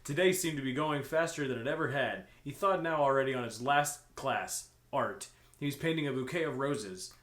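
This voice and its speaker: Reading a story aloud as an amateur, this man co-hosts and breaks off for casual jokes along the way. He has a mid-range, fairly bright voice at normal speed, recorded in a roomy space with echo.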